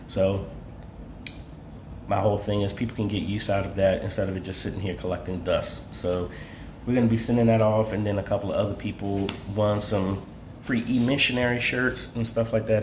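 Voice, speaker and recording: A man talking casually to his vlog, explaining things in an informal way. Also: lowish voice. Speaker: vlogger who installs church streaming gear. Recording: roomy echo, faint background noise.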